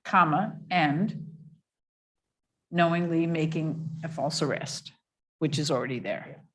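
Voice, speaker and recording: A woman with a somewhat low voice chairs a public commission meeting. She moves the discussion along in a methodical way and reads text out slowly for the record. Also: low-quality recording. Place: meeting room.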